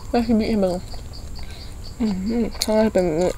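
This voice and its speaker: A woman with an Isan accent chatting casually as she eats in a food vlog, using soft polite particles. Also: medium pitch, a little fast, noisy background. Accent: Isan (Northeastern Thai). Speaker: food vlogger.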